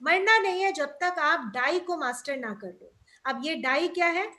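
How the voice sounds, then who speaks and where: Bright, high-voiced enthusiastic woman trainer. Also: lively intonation, a little slow. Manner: enthusiastic, upbeat. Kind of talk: webinar talk. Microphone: video call.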